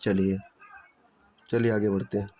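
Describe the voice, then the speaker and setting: A man's voice: lowish voice, flat delivery, unhurried, mellow. A man teaching Hindi grammar in an online lesson, repeating points, asking and answering his own questions and checking in with "theek hai". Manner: drags out syllables when spelling sounds. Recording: dull, muffled lo-fi recording.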